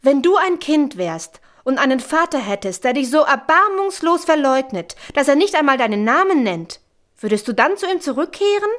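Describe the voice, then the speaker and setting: A woman's voice: high voice, lively intonation, moderate pace. A woman reading Ronja, a stubborn hurt girl. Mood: pleading. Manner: pleading, tearful. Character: Ronja, spirited robber's daughter, young girl, stubborn and hurt. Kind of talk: storybook reading.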